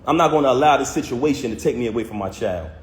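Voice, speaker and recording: With an animated, quick delivery and a medium-pitched voice, a male vlogger tells his viewers about a personal conflict. He speaks in casual, heated first person, emphatic and heavy on street slang, and the recording carries a roomy echo.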